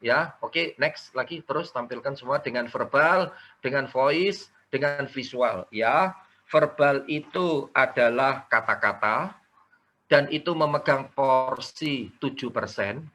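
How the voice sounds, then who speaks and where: A man teaching a live online sales training, energetic and coaxing participants to type answers in the chat. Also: mid-range voice, slow pace. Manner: mixes in English words.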